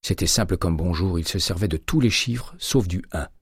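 Husky low-voiced male audiobook narrator. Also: no echo, studio quality. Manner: measured, even, dramatic reading.

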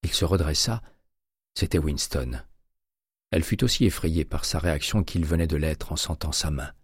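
A man narrating a crime novel audiobook in a measured, dramatic reading. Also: very deep voice, husky, dry recording, studio quality.

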